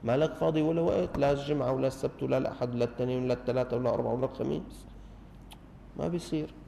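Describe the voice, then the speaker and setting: A middle-aged man with a Damascene Arabic accent giving an animated religious lesson to a gathering, full of rhetorical questions and teasing mimicry. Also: mid-range voice, racing, vocal fry, a little hiss or hum. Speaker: religious teacher. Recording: long hall reverb.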